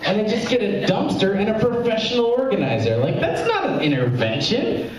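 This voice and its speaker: Doing open mic stand-up before a live audience in a small club, a young comedian from Memphis, Tennessee, US, rambles, interrupts himself mid-joke and laughs at his own material. His voice sits high, swings widely in pitch and moves briskly. The crowd is loud, and the sound is very echoey, captured from a distance.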